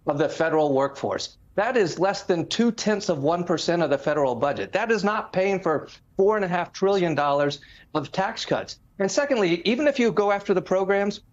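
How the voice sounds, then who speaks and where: Emphatic man with a slightly high voice. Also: expressive, fairly quick, highs cut off. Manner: emphatic, explanatory, lists figures. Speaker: political commentator, former congressman. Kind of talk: panel discussion.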